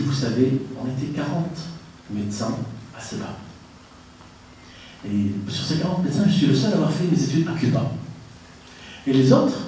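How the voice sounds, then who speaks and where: In an indoor conference room, a middle-aged man from Tunisia delivers an emphatic public lecture with anecdotes, holding a mic and asking the audience rhetorical questions. His voice is mid-range and mellow, and the distant recording is echoey with slight background noise.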